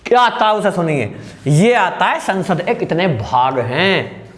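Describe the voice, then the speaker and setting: High-pitched, animated male teacher. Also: unhurried. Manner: repeats questions and answers them, jokes with students; shouts at times to stress a point. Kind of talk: lively classroom lecture.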